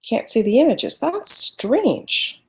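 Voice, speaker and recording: A woman with a fairly high, sing-song voice and vocal fry speaks slowly and loudly while teaching photography in a casual webinar. Screen-sharing issues come up, and she chats through them on her computer mic.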